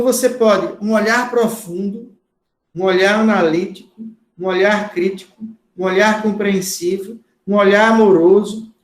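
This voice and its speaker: A man giving a lecture to a class, talking loudly and repeating words for emphasis. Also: sits high, echoey room. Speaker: course instructor.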